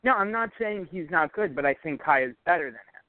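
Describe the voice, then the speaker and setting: A man's voice: fairly high pitch, animated, brisk. A man calling in to a sports show over the phone, asking eager, rambling questions. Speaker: caller. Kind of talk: sports call-in chat. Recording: tinny phone line.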